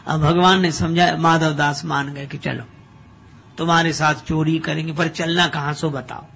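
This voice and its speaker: An older man delivers a light-hearted devotional discourse, slipping in and out of his characters' voices as he tells the tale. His voice is gravelly and sits a little high. A faint background hum runs under the recording. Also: fairly even intonation, moderate pace. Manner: acts out dialogue of story characters with shifting loudness. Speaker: spiritual discourse speaker. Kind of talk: humorous devotional storytelling sermon.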